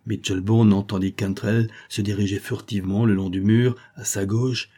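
A male audiobook narrator reading an adventure story. His voice is low, dark and mellow with a husky, slightly breathy grain. He keeps a measured, steady storytelling pace. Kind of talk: scripted literary narration.

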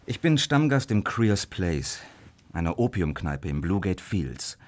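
Low-voiced and very animated, a male actor portrays a greedy, guarded Victorian opium user letting out secrets for a radio crime drama. His conspiratorial lines land with theatrical, carefully placed emphasis.

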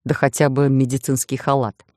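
A woman voicing a bossy, jealous young man in a romance audiobook, gruff and grumbling. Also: very deep voice, steady tone, a little fast, darkish tone, no room sound, clean studio sound. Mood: defeated.

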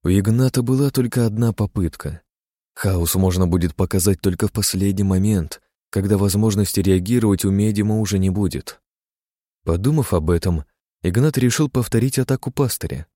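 A man narrating a fantasy audiobook in a deep, mellow voice. His reading is steady and dramatic. The sound is dry, with no room around it. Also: a little fast, no room sound.

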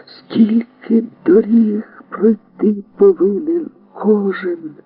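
A man voicing a pondering male mouse in an audiobook, with a high put-on voice and slow musing questions. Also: very animated, breathy edge, heavily acted. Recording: dry tinny narrow-band audio.

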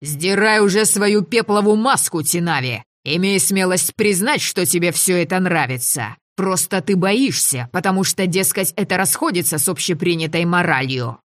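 A woman's voice: lowish voice, animated, moderate pace, few pauses, close to an everyday voice. A woman voicing a sardonic young adventurer. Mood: mocking. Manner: mocking, self-pitying banter. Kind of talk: audiobook character voice.

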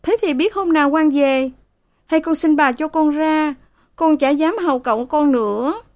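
A woman voicing a frightened young servant girl who pleads in a shrill voice. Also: normal speed, a little mellow, close to an everyday voice. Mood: pleading.

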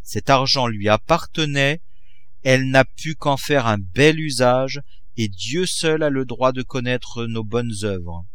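A man voicing an ailing older mother who pleads slowly and wearily. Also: mid-range voice, fairly bright tone, clean tone. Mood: pleading. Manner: slow, imploring, weary.

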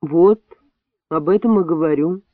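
A man reading an audiobook voices a calm, firm male hospital doctor who speaks quietly and weightily. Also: a little high, measured pace, dry recording, lightly acted. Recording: dry, tinny phone-like sound.

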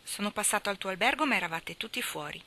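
A restless, easygoing young traveler from an audiobook novel chats in relaxed, unhurried replies, as a woman reads his lines. The tone stays bright and sharp. It is not pitched far from the reader's own.

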